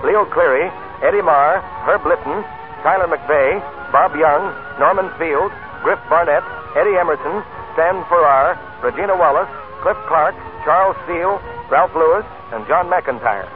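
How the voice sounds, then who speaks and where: A brisk, upbeat male announcer on an old radio show, his voice sitting a touch high. The sound is tinny and narrow, like a 1940s radio broadcast, and music plays clearly underneath. He reads promotions and credits in a polished scripted way.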